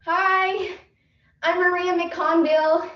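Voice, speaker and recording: A squealing ditzy teen actress. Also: female voice, very high voice, level tone, slow, pitched above the performer's own voice. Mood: squealy eager. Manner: squealy, overdramatic recitation. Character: ditzy bubbly teenage girl actress. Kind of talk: competitive humorous interpretation. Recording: echoey room, distant mic, dull sound.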